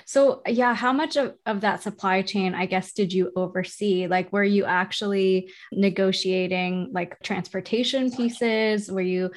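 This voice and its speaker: A woman's voice: mid-range voice, steady tone, unhurried, hardly any pauses. A woman hosting a podcast, giving an upbeat, conversational introduction and interviewing a guest. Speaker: podcast host.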